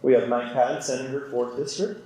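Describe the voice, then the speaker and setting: A man at a podium microphone emcees a formal civic gathering, reading out names in a steady announcer's manner. His voice carries through a public address system into a very echoey large hall, with a faint hum underneath. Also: mid-range voice, fairly quick. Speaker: chamber of commerce president and event emcee. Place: large indoor event hall.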